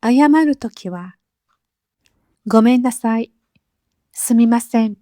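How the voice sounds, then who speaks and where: A woman teaching as a language teacher, narrating a scripted lesson with clear, patient explanations. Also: fairly high pitch, slow pace, dark tone, no room sound, clean studio sound. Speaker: Japanese teacher.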